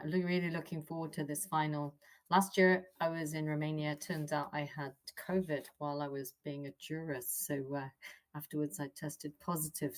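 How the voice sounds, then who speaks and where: A woman casually introducing herself as a juror on an online call. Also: low voice. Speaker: juror and physics teacher.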